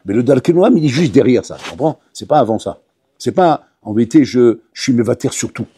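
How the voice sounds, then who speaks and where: A man, a rabbi, teaching a lively Torah class to yeshiva students. He talks to them directly and acts out little dialogues. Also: medium pitch, fairly quick, husky. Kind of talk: animated Torah lesson. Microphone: audio recording of a class.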